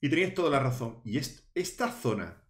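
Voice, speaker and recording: A man's voice: medium pitch, big pitch swings, fairly quick, roomy sound, slight background noise. A man narrating his Minecraft play as a youtuber, hamming up fear and shrieking at scares. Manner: dramatic, shrieks in mock fear, talks to viewers. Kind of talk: Halloween let's play, playacted fright.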